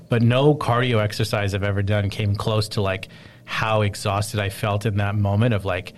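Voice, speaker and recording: Guy with a lowish voice rambling through a story, lots of likes and ums, bit of hiss behind. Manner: rambling, animated storytelling with many fillers. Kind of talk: casual chat.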